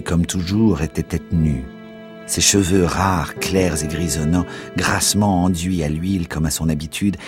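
A man giving a measured, dramatic scripted narration of a novel. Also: low-pitched. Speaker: audiobook narrator.

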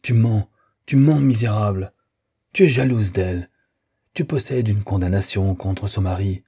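A man's voice: lowish voice, moderate pace, dark tone, slightly rough. A man voicing a young lover in an audiobook, hurling accusations in a bitter, accusing way and then turning cold. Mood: furious. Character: young man, jealous and coldly wounded lover.

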